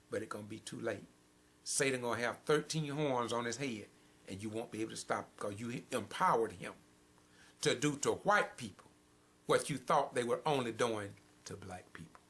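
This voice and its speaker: Older host, preachy and emphatic, mid-range voice. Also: male voice, mid-range voice, fairly bright tone. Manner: preachy, emphatic, rising and falling intensity. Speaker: program host. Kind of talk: impassioned spoken commentary.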